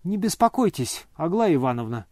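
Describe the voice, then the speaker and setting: A man voicing a calm, weary dying young man who speaks hoarsely and quietly, almost in a whisper. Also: on the high side, dry recording, studio quality. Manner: calm, polite, measured.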